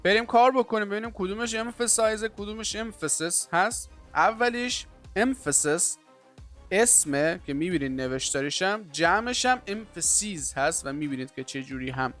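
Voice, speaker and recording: A man with a Persian accent teaching an online English lesson in a lively, upbeat way and drawing out his English example sentences. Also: high-pitched, hardly any pauses, faint music behind.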